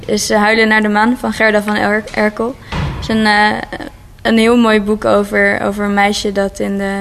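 A woman's voice: mid-range voice, monotone, normal speed, gravelly, a little hiss or hum. A woman author speaking thoughtfully and hesitantly in an interview, then reading from her book.

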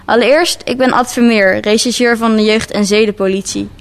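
A woman voicing a calm, friendly male police detective in his fifties. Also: fairly high pitch, fairly quick, lightly acted.

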